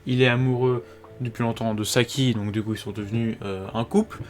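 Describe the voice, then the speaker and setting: A man's voice: mid-range voice, a little fast. A young man casually reviewing seasonal anime, slangy and full of fillers, sometimes swearing, reading plot summaries aloud. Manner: informal and slangy, many fillers, occasional swearing; reads synopses aloud in a flatter voice. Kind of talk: casual video commentary.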